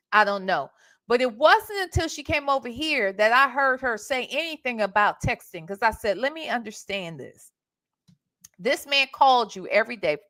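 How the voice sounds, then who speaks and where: Pushed and bright, her voice sits on the high side. The American woman hosts a casual live reaction stream with chat commentary, speaking bluntly and profanely with plenty of sass and emphatic rhetorical questions.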